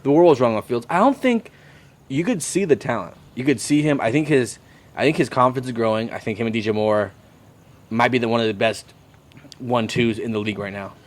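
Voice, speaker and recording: A man's voice: medium pitch, expressive, fairly quick. A man co-hosting a casual sports podcast outdoors in a backyard at night, agreeable and repeating phrases for emphasis. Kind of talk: casual chat and sports commentary.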